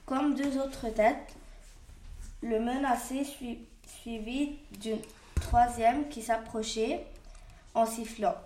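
A woman reads a storybook aloud very slowly, sometimes restarting words. Her voice is fairly high. The room gives a roomy echo. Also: fairly even intonation, warm tone, slight background noise. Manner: slow careful reading with restarts.

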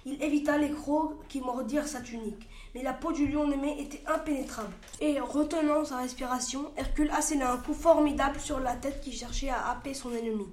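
A woman's voice: high voice, fairly even intonation, a little fast, hardly any pauses, a little mellow, slight background noise. A woman reading a storybook aloud carefully, with some restarts. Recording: roomy echo.

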